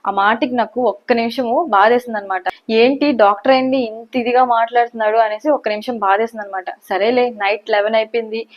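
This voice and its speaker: Young woman vlogger, brisk chatty storyteller, slightly high voice, dull lo-fi audio. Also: steady tone. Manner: chatty, rambling, repeats "anamaata" often. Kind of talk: casual first-person storytelling. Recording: dull lo-fi sound.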